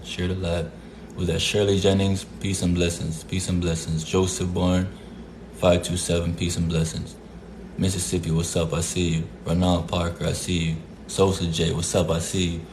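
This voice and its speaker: A Jamaican man hosts a casual live stream, greeting viewers by name in a laid-back, repetitive way. His voice is deep with little pitch movement, at a normal speed, over a noisy background.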